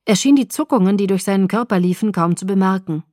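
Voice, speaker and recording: A woman reading an audiobook in steady first-person narration. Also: mid-range voice, quick pace, dry recording, clean studio sound.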